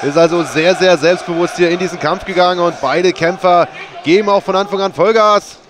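A man's voice: high voice, a little fast. A man giving live sports commentary on a fight as a commentator. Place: large indoor sports arena. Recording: noisy arena with loud crowd.

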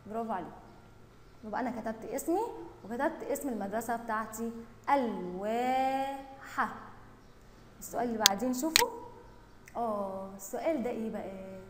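Egyptian kindergarten teacher lady, high voice, drags out words slowly, echoey room w long reverb. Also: background noise. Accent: Egyptian Arabic. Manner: drawn-out syllable-by-syllable reading, praising and questioning pupils. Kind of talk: recorded online lesson for young children.

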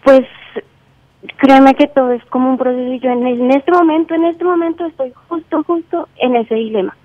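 A woman's voice: sits high, steady tone, moderate pace, dry recording. A woman, calling in to a radio show by phone, talking casually in a hesitant, defensive way. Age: 20s. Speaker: radio caller. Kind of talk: radio call-in, casual personal talk. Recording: dull lo-fi phone line.

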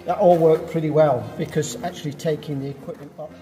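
A middle-aged man explains things as a cave tour guide in a slightly high voice. The cave echo rings around his halting phrases, and music plays behind him. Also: fairly even intonation. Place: inside a large cave. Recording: echoey cave, music over the voice.

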